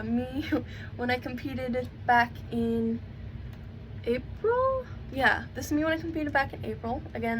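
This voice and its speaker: A woman walks through a cosplay how-to in a casual, rambling vlog voice, sprinkling in likes and ums. Her voice sits slightly high. She sounds a bit distant from the mic, with a faint hiss of background noise. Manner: chatty, rambling, fills with "like" and "um". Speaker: cosplayer showing a build book.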